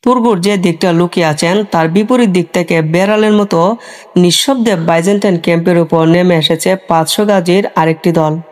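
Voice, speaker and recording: A man giving scripted history narration as a storyteller, in a steady storytelling delivery. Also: high-pitched.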